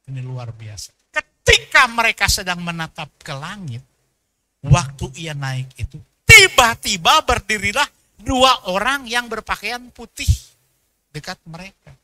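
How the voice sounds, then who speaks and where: Male preacher, high-pitched and piercingly bright, animated storyteller. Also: a little slow, no echo. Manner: animated storytelling, mixing in Sundanese dialogue and acting out people in his stories. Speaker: pastor. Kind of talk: sermon.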